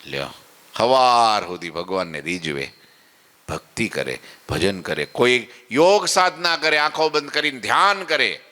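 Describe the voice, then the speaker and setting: A man preaches in a folksy, conversational way, now and then slipping into the voices of his listeners. His tone is bright and forceful. A long hall reverb trails each phrase. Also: medium pitch, expressive, measured pace. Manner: folksy and conversational, acting out devotees' complaints and asking "samajya?". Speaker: swami giving morning katha. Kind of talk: devotional sermon. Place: temple hall.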